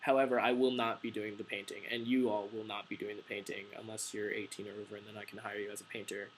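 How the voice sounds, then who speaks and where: A man's voice: lowish voice, level tone, quick pace, slight background noise, poor audio. A young man in his twenties, a college student, talking informally about door-to-door marketing with lots of ums and restarts. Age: young adult. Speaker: painting business owner training door-to-door marketers. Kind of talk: casual instructional talk to camera.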